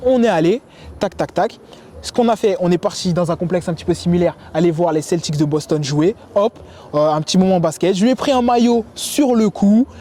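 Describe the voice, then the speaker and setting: A young man who grew up in the United States gives dating advice to the camera in an energetic, slangy, spontaneous way, at a sports complex. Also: sits high, brisk.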